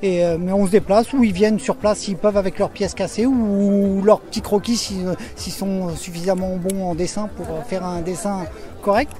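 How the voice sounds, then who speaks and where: A man's voice: high-pitched, fairly even intonation, moderate pace, mellow. A man in his forties explaining his machining business eagerly, repeating words, outdoors into a handheld mic. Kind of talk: casual interview answers. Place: outdoor fair in a park. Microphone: handheld mic held by interviewer.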